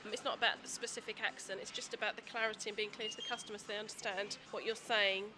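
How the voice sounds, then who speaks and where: A woman shop manager answering in a street interview, clear and matter-of-fact. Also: mid-range voice, flat delivery, fast, over music.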